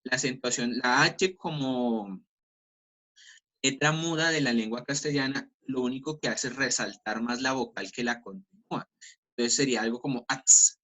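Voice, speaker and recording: A man with a Colombian Spanish accent teaches an online class over a video call. His voice is bright and forward, and he explains patiently. He slows down to spell out each example. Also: medium pitch, low-quality recording.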